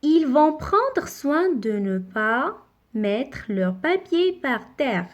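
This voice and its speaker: A woman leads a children's reading lesson at a very unhurried pace. Her voice sits a little high, and she spells out each sound with care. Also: big pitch swings, lo-fi sound. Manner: slow, deliberate, spelling out sounds. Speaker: teacher.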